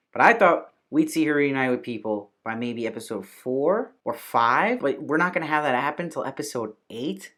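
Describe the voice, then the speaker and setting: A man's voice: mid-range voice, fairly bright tone. Chatty, opinionated male TV reviewer. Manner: opinionated, conversational, frequent fillers like "kinda" and "like"; mimics imagined viewers in quoted asides. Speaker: TV review host. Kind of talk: casual spoken review.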